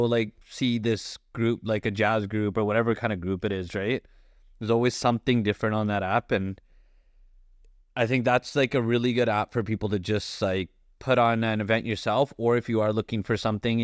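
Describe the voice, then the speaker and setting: A man's voice: on the low side, steady tone, fairly quick, dry recording, studio quality. A man co-hosting a podcast in casual chat, rambling with lots of "like" fillers. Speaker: podcast co-host.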